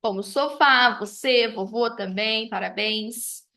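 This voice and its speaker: A woman's voice: a little high, slow, pushed and bright. A woman, reviewing grammar as a teacher and listing examples one after another with frequent tag questions. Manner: explanatory, lists examples, frequent "né?" and "tá?".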